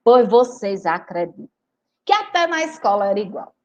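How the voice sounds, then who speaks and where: A woman from Recife, a teacher and writer giving a lively storytelling talk and speaking straight to her audience. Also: mid-range voice, moderate pace. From Recife, Brazil. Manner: animated, chatty, addresses audience directly.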